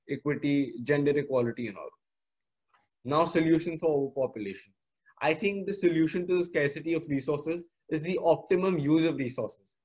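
A male student in his late teens speaks with an educated Indian English accent. His voice sits slightly high for a man. He delivers a formal presentation in an earnest, carefully worded way. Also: darkish tone, rough recording. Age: teenager, about 16 or 17.

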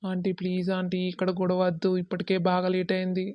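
An earnest young village man, voiced by a woman placates in a quick, completely monotone voice. The cartoon audio sounds dull and lo-fi. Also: fairly low pitch, dry recording, natural voice. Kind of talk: cartoon voice acting.

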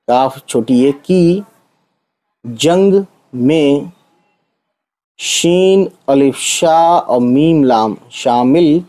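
A man's voice: a little high, dark tone, low-quality recording. A man teaching Urdu letters to Hindi speakers, spelling out words sound by sound and often checking that his viewers follow. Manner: slow, patient letter-by-letter reading with frequent checks.

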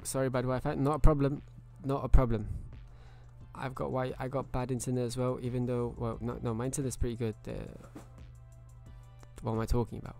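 A man's voice: medium pitch, completely flat delivery, a little fast, gravelly, a little mellow, faint music behind. Chatty male game streamer. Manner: chatty, greets viewers by name. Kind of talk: casual live-stream commentary.

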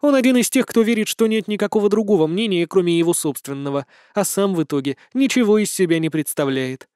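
A man's voice: high-pitched, quick pace, darkish tone, smooth, no room sound, studio quality, pitched above the performer's own voice, natural voice. A man voicing a fierce young goddess-like woman. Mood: scornful. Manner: emotional, protective. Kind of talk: audiobook dialogue.

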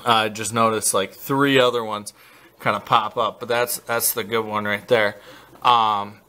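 A man from the American Midwest giving a casual, halting walkthrough of his basement fish tanks, full of fillers and restarts, recorded on a handheld camera. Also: lowish voice, steady tone, pushed and bright. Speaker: fish breeder vlogger. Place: basement fish room, indoors.

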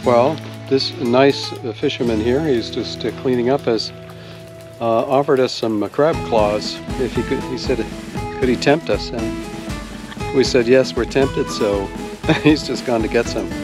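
A man's voice: mid-range voice, measured pace. Chatty canadian guy on a sailboat, easygoing, music going behind him. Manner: relaxed, chatty, many fillers. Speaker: sailing vlogger. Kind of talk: casual vlog narration. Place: outdoors on a sailboat.

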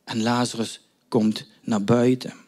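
A man's voice: mid-range voice, little pitch movement, a little slow, darkish tone. A male preacher telling a story in a sermon, with emphatic questions and thoughtful hesitations.

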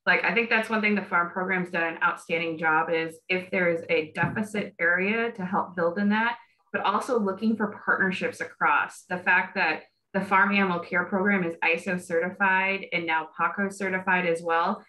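A woman's voice: lowish voice, fairly even intonation, moderate pace, sharp tone, poor audio. A woman in her thirties on a video call, giving an upbeat, persuasive webinar panel answer with a lot of "like". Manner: upbeat and persuasive, often saying "like". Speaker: guest panelist, dairy industry outreach. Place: small room at home. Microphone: built-in mic on a video call.

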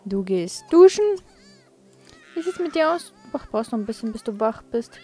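A woman's voice: on the high side, sing-song, moderate pace, dark tone, faint music behind. A woman hosting a let's play, casually commenting on her game and coaxing the characters along.

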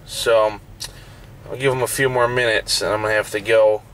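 A young man who drives trucks rants into his dashboard camera from the cab, casual vlog-style, blunt and full of profanity, his voice raised and heated. He sounds fairly low-pitched and fairly bright, with a steady tone and moderate pace, and the recording quality is low.

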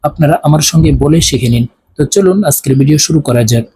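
A man teaching Quran recitation, spelling Arabic letter by letter and then chanting the verses slowly and drawn out. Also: fairly high pitch, a little mellow, breathy edge. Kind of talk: spelling lesson with slow recitation.

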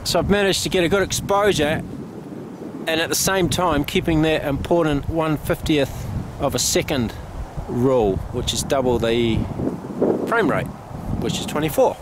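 A middle-aged man, explaining camera settings in a relaxed, plain-spoken way, recorded outdoors on a camera mic. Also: on the high side. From New Zealand. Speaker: photographer vlogger. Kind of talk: casual vlog narration. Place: outdoors by a lake and canals, windy. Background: wind noise.

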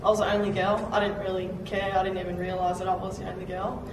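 A woman's voice: mid-range voice, completely flat delivery, fast talker. A woman with an Australian accent, a tradeswoman speaking plainly and casually on a panel. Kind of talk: panel discussion. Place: large plain meeting room, seated at table. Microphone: distant room mic. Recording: echoey room from far off, noisy.

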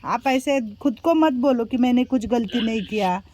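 Soothing high-voiced woman, faint noise. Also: moderate pace, dark tone. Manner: soothing, reassuring, switching Marathi and Hindi. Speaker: old-age home founder. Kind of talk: comforting vlog talk.

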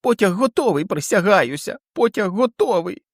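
Terrified old giant, wild shrill pleading for an audiobook; no room sound. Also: male voice, expressive, moderate pace, no echo, studio quality. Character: terrified hulking old man, hysterical and fawning. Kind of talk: audiobook character voice.

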